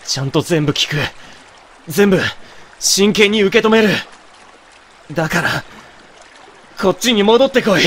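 A man's voice: sits high, animated, unhurried, pauses often, a bit bright, full character voice. Man acting a remorseful young boyfriend, intimate pillow talk. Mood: desperate, pleading. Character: remorseful young boyfriend, brusque but tender and protective.

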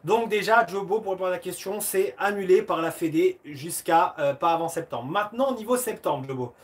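A young man hosting a karate live stream, chatting casually and warmly greeting viewers by name. His voice sits fairly high, and his explanations are punctuated with playful sound effects. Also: normal speed. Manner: lively, enthusiastic, addresses viewers by name, sound effects like boum and tac.

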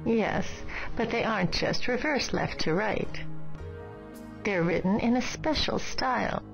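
A gentle old grandmother shopkeeper from a video game, courteous and unhurried in her delivery. Her voice crackles with fry, and the slightly dull game audio has music playing behind it. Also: a little high. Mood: solemn, explaining. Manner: polite, measured, deliberate. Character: gentle, courteous elderly grandmother running a china shop. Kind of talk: scripted video game dialogue. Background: clear background music.

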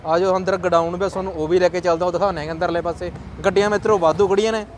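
A man's voice: high voice, steady tone, racing, over a noisy crowd. A man with a Punjabi accent hosting a casual car vlog with hearty, chummy banter, calling out prices like a hawker. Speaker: video host. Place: outdoor car yard by a road.

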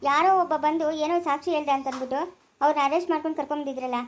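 A woman's voice: sits high, fairly even intonation, racing, a little hiss or hum, close to an everyday voice. A woman playing a bold young woman lawyer who presses hard with questions and reassures her client. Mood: challenging. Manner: challenging, insistent questioning.

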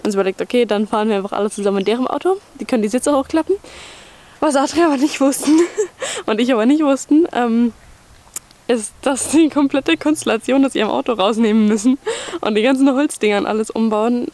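This twenty-something travel vlogger talks quickly in a rather high, darkish voice, breaking into laughter between lines as she chats to her handheld camera. Standing by a car out in the bush, she holds it at arm's length, so the outdoor recording carries obvious background noise.

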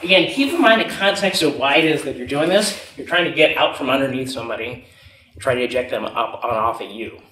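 A young jiu-jitsu instructor speaks briskly in a mid-range voice that sounds pushed and bright, physically active as he demonstrates moves on the floor. He's coaching in an indoor gym room laid with mats. The room echoes, the mic is distant, and there's background noise.

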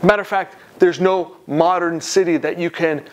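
A man presenting an art history lesson on camera, talking in a relaxed, conversational way with pauses. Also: sits high, a little hiss or hum. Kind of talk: casual on-camera explainer. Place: at his studio and on sites, partly outdoors.

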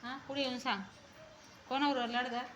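A woman's voice: high voice, little pitch movement, fairly quick, muffled recording. Coaxing schoolteacher woman, noisy classroom. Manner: coaxing, repeats questions, urges children to speak up. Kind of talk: classroom questioning of young pupils. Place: school classroom full of children.

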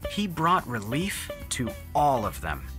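Lively children's Bible story narrator. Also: mid-range voice, takes it slowly. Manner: friendly, explaining simply. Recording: music underneath.

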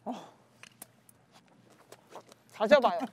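A woman's voice: drawn-out words, highs cut off. A woman talking while eating, gushing with exclamations over the food in casual tasting chat. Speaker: food show guest. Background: music.

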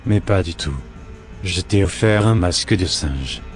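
A man's voice: low voice, lively intonation, a little slow, soft background music. A man voicing a worried mother in a horror story reading, anxious and questioning. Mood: uneasy. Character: worried mother, adult woman.

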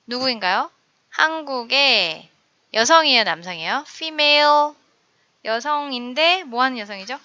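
Woman teacher, unhurried and bright, careful word drills, dry close mic, slightly dull lo-fi audio. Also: fairly high pitch, dry recording. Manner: slow, careful word-by-word drilling of English vocabulary with Korean glosses. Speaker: middle school English teacher. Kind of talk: online vocabulary lesson.

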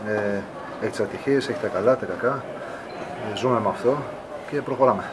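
A man's voice: lowish voice, background noise. A man in his thirties, a team captain, speaking frankly and firmly to reporters in an arena corridor after a game. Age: 30s. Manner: frank, firm, pushes back on questions. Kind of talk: post-game interview with reporters. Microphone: reporters' phones held close.

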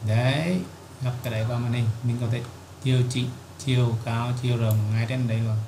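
Flat-voiced man explaining a software tutorial. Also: medium pitch, a little fast. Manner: step-by-step explaining, frequent "there" fillers. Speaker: tutorial host. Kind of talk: screen-recorded software tutorial. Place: at a computer, recording his screen. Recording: echoey room with clear keyboard typing noise.

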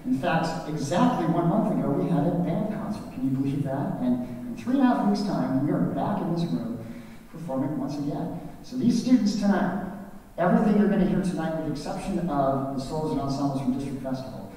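A man who leads a high school band, addressing a concert audience with proud, friendly remarks and a dry sarcastic streak. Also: animated, brisk, warm tone, a little hiss or hum. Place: large school auditorium. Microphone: distant mic. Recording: echoey auditorium from far off.

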